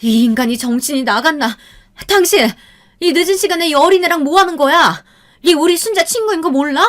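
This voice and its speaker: A woman voicing a furious middle-aged mother who shouts shrill accusations at her husband in an audio story. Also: lively intonation, brisk.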